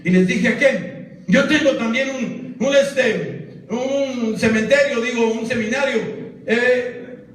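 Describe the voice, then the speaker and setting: A high-pitched man delivers a fervent sermon, pushing his voice into shouted emphasis. He sounds far from the microphone, and his words ring through a heavily echoing church hall. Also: takes it slowly. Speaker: pastor. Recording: very echoey hall, voice far from mic.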